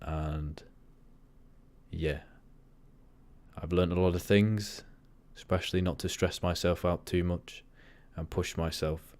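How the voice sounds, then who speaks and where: A man hosting a livestream, chatting casually in a monotone way and often drifting off topic. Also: low voice, slow, long pauses. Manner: rambling, easily sidetracked. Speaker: livestream host.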